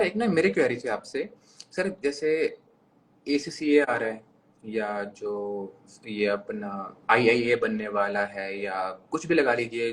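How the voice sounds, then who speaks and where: A man's voice: mid-range voice, a bit bright. Polite male podcast host, faint hiss. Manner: polite, deferential, addresses the guest as sir. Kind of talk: casual podcast interview.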